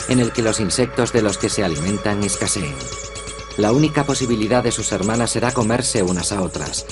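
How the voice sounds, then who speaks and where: Male nature documentary narrator, lowish register, measured and explanatory, music playing underneath.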